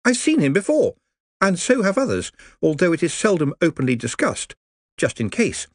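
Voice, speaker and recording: A man doing a bright, cheerful lady librarian. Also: on the high side, wildly swooping pitch, fairly quick, breathy edge, no room sound, clean studio sound, pitched above the performer's own voice, exaggerated voice. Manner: cheerful, chatty. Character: cheerful woman librarian, chatty.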